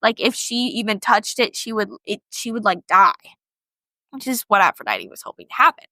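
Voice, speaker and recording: Bright-voiced young woman, slangy. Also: mid-range voice, very animated, normal speed, dry recording. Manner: slangy, chatty, heavy use of "like". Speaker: podcast co-host. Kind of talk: casual storytelling.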